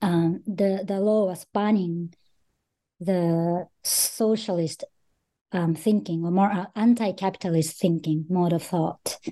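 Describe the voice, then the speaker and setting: A woman's voice: on the low side, steady tone, takes it slowly, mellow. A middle-aged woman from Japan, an author speaking in an interview, thoughtful and hesitant with frequent ums. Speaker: guest author. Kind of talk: interview conversation.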